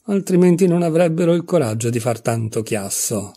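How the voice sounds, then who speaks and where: A man's voice: medium pitch, expressive, normal speed, mellow, husky. A man reading aloud, voicing a proud, touchy tiger lily flower in a storybook, haughty and scolding.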